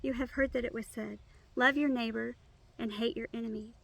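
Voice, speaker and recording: A woman reciting memorized scripture by rote, in measured, complete phrases. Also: fairly high pitch, steady tone, vocal fry, a bit bright, rough recording.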